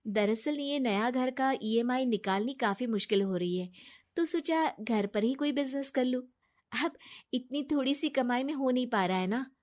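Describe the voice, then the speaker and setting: A woman voicing a trusting, kind-hearted young wife who speaks earnestly and gently. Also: sits high, normal speed, lightly acted.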